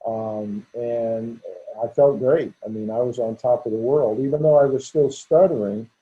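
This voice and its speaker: At a moderate pace and medium pitch, with a dark tone, a male vet in his sixties talks openly during a conversational interview. Stuttering, repetitions, and restarts mark his speech on dull lo-fi audio.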